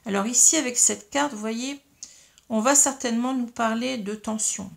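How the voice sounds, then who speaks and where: A woman reads tarot cards for her audience, slowly explaining each one and padding her talk with fillers. Her voice sits a little high with a strong gravelly fry. She has a slight frog in her throat. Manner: explains slowly to viewers, many fillers and "hein". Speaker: tarot reader. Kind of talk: tarot card reading.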